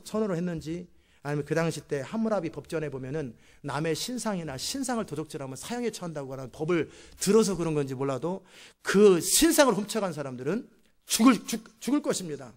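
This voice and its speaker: A male pastor preaching a sermon, retelling a story in an animated way with chatty asides to the congregation. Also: fairly high pitch. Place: church sanctuary.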